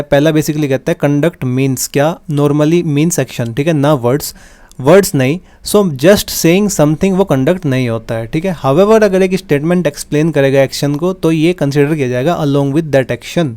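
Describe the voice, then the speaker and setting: A man's voice: on the high side, dark tone, clean tone. A man teaching a law lesson, often checking understanding with "theek hai" and mixing English legal terms into his Hindi explanation. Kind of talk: explaining lecture with examples.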